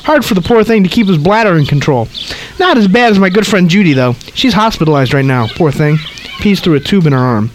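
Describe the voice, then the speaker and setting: A woman's voice: lowish voice, lively intonation, brisk, a little hiss or hum, natural voice. A man voicing a nosy, rambling old woman who chatters and cackles, tacking "though" onto her sentences. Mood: gossipy.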